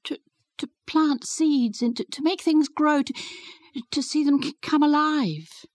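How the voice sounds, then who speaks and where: A woman's voice: sits high, unhurried, no echo, voice pushed up. A woman reading the part of an anxious little girl who quavers and hesitates. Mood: anxious pleading.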